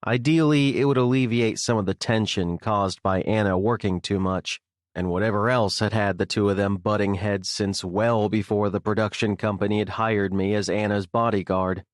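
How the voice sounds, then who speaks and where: A male audiobook narrator tells the story in the first person, low-pitched and wry with a sardonic bite. The studio sound is close and dead dry. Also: fairly even intonation, normal speed, dry recording. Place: recording studio. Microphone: close studio mic.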